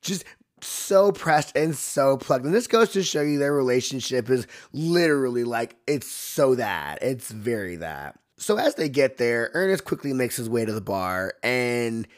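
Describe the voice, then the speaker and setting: A man's voice: sing-song, measured pace. A man hosting a podcast, recapping a movie in a casual, campy way, full of "like" and acted-out quotes. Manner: chatty, campy, fillers like "like"; acts out characters' lines in higher voices. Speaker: podcast host.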